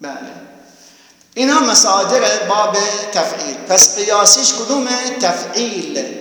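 A man with a high voice leads an online grammar lesson, patiently repeating key terms and checking that his students follow. His voice rings out in a very echoey room with a long reverb tail. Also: expressive, sharp tone, slight background noise. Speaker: teacher of Arabic grammar.

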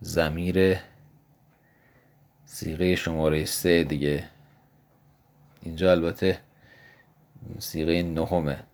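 A man's voice: deep voice, little pitch movement, darkish tone. A man teaching Arabic grammar in a recorded lesson, patiently explaining and answering his own questions. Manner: slows down to spell out example words.

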